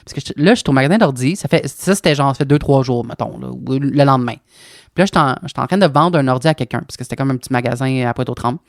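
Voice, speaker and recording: A man with a Quebec French accent, co-hosting a podcast, telling a story in a chatty, animated way. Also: mid-range voice, rapid-fire. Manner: animated, chatty, full of restarts. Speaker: podcast co-host. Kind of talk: casual chat, storytelling.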